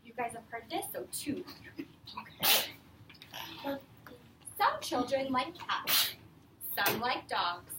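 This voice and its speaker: Pausing often and speaking slowly, a woman with a high-pitched, very animated voice reads to young children as their elementary school teacher. She keeps things simple and asks them lots of questions. It's captured from a distance in an echoey classroom, with faint noise.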